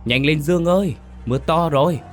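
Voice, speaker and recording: A man's voice: a little high, a little fast, soft background music, pitched above the performer's own voice, close to an everyday voice. A man voicing a spirit that mimics an old grandmother, coaxing and urging someone to open the door. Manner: coaxing, urgent calls.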